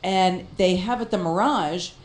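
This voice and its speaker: A woman co-hosting a casual chat, telling a story in an animated way and laughing often. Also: lowish voice, unhurried, roomy sound. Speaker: podcast co-host.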